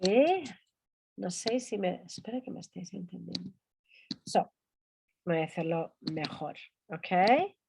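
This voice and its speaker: A woman's voice: lowish voice, lively intonation, vocal fry, background noise. A woman teaching an English class, repeating each word several times for pronunciation and then explaining its meaning. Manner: drills words by repeating them slowly, then explains. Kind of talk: online language class.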